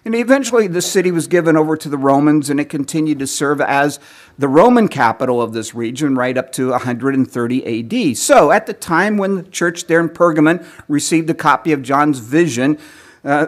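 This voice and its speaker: A preacher gives a teaching sermon, lecturing in a measured way in a voice on the high side. He clears his throat often because he is losing his voice.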